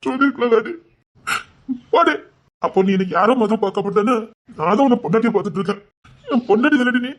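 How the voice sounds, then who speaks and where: A woman's voice: fairly high pitch, expressive. A woman playing a caring young village man who fusses over his sweetheart. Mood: coaxing. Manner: fast, fussing, coaxing. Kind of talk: village romance drama acting.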